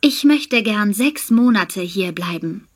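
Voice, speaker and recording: An actress playing a friendly young au pair in a scripted language exam dialogue, speaking clearly and carefully. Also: female voice, mid-range voice, expressive, slow pace. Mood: pleasant. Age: young adult. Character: young woman au pair from Portugal. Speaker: interviewee in a language exam recording.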